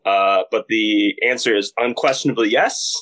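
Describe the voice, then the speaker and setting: A man's voice: lowish voice, normal speed, a bit bright. A man on a game show panel answering confidently with jokes, over a video call. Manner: confident, joking.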